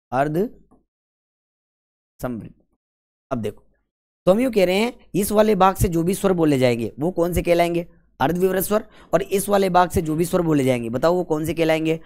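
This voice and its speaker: A male Hindi grammar teacher giving an exam-prep lesson, who keeps asking questions and answering them himself and sounds out vowels slowly to show them. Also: a little high, a little mellow. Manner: quizzes listeners and answers his own questions.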